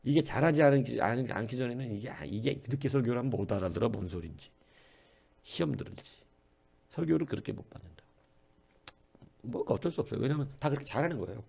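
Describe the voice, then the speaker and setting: Guy pastor preaching early morning, gravelly voice, goes loud then super quiet, tons of rhetorical questions. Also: mid-range voice, quick pace, pauses often. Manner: animated, swings between loud exclaiming and quiet murmuring, many rhetorical questions.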